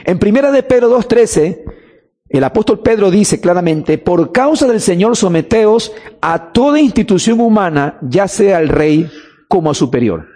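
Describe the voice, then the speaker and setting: A man with a high, warm and slightly husky voice delivers a sermon. He speaks emphatically, slowing down to stretch key words and asking the congregation rhetorical questions. His voice rings with the long reverb of a large church hall. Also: lively intonation. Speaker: preacher.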